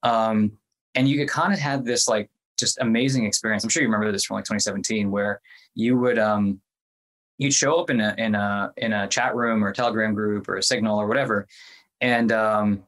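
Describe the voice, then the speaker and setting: Lower-voiced man chatting casually. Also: brisk, low-quality recording. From Midwest US. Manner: relaxed, many fillers, loose and chatty. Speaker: podcast guest, investor. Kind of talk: casual interview talk.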